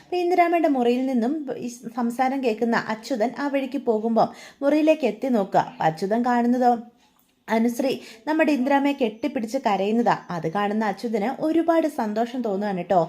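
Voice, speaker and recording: A woman's voice: fairly high pitch, expressive, a little fast, warm tone. A woman retelling a serial story in a chatty way, often addressing her listeners directly.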